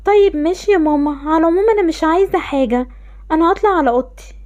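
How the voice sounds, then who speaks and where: A woman's voice: extremely high pitch, rapid-fire, darkish tone, lo-fi sound. A woman with an Egyptian accent voicing a sad young girl rejected by her family, in a voiced game-animation story, tearful and pleading. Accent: Egyptian Arabic.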